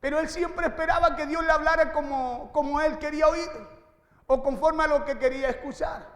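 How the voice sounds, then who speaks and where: A man's voice: very high voice, fairly even intonation, fairly quick, a bit bright. A male pastor, preaching a sermon to his congregation and asking them questions. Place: church hall. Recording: echoey hall reverb.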